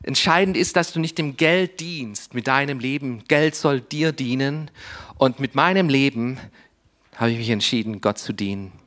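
A man preaching a sermon, speaking in short, deliberate phrases with long pauses, often dropping to a soft, low voice for emphasis.

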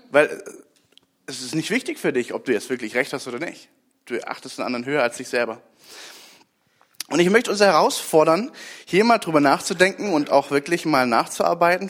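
A man with a somewhat high voice gives a sermon in a plain, conversational way. He checks in with his listeners as he goes. On key points his voice sinks low and quiet. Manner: conversational, asks listeners for agreement. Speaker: preacher.

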